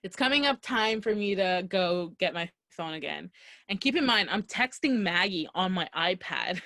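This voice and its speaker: A young woman co-hosting a podcast, telling a casual story and acting out the dialogue with lively energy. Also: lowish voice, moderate pace, no echo. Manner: animated, acts out quoted dialogue. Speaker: podcast co-host. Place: Los Angeles area.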